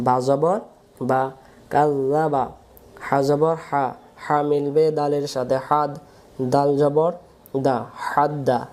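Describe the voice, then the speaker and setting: A man's voice: a little high, darkish tone. A man teaching Quran reading in a patient, repetitive syllable-by-syllable spelling drill. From Bangladesh.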